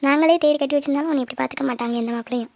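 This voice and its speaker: A fond peacemaking cartoon aunt. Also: female voice, high-pitched, racing, gravelly, a little mellow, no room sound. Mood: soothing. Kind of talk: cartoon voice acting.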